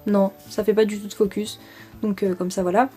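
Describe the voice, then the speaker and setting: A woman's voice: medium pitch, flat delivery, fairly quick, mellow, faint music behind. Chatty French woman reviewing makeup. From France. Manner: chatty, many fillers, enthusiastic about products. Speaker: beauty vlogger. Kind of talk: casual product review.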